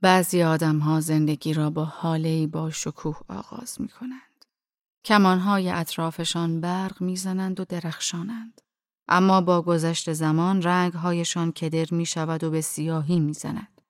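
A wise old dervish speaks in a low, quiet voice, read by a woman narrator. He is firm but gentle, his words often sink into a half-whisper. The recording is close and dry, with no room sound. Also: fairly even intonation, no echo, lightly acted. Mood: gentle earnest. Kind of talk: audiobook narration.

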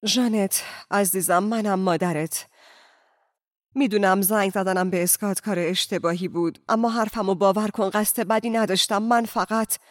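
Narrator playing an anxious, unhappy middle-aged housewife; halting, pleading, apologetic; dry close sound. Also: female voice, medium pitch, steady tone, dry recording, lightly acted. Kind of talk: audiobook character voice.

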